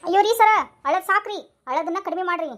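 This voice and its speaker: A woman's voice: very high voice, quick pace, a bit bright. A woman playing a bossy male police inspector in a comic skit, speaking with a North Karnataka Kannada accent and scolding his constable.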